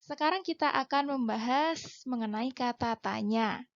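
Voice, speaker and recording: A woman teacher giving a patient, clearly spoken lesson to young schoolchildren, stretching her words and lifting her questions. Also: sits high, muffled recording. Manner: patient, drawn-out delivery with rising question intonation. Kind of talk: slow, clear classroom lesson for children.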